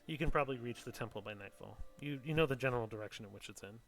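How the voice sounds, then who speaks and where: A man's voice: medium pitch, rapid-fire, a bit bright. Man running a tabletop game, hesitant explainer. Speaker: game master. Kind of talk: casual tabletop game narration.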